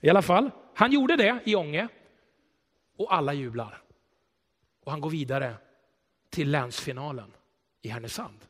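A male pastor delivers a sermon with lively storytelling energy. His voice sits fairly high, rising loud on key points and sinking to a hush when he prays. Long reverb trails off the walls of the church hall. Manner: animated storytelling preacher, swells loud for emphasis then drops quiet.

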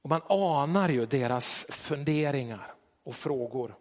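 A man's voice: mid-range voice, animated. A man preaching a sermon, retelling a story and asking reflective, rhetorical questions. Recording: long hall reverb.

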